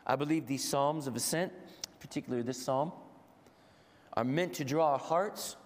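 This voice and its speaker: A man with a head cold and a gravelly voice preaches a sermon in a measured, deliberate way, repeating phrases for emphasis. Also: medium pitch. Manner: measured, deliberate delivery with rhetorical repetition. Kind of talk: sermon to a congregation. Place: large reverberant room, speaking to a congregation. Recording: echoey hall with long reverb.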